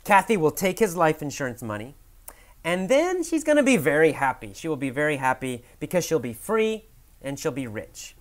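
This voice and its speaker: A man teaching English through a short story, animated and expressive, slowing down for key lines and thinking aloud with fillers and self-corrections. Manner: animated storyteller, big swings in pitch and loudness, slows for key lines. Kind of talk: storytelling language lesson.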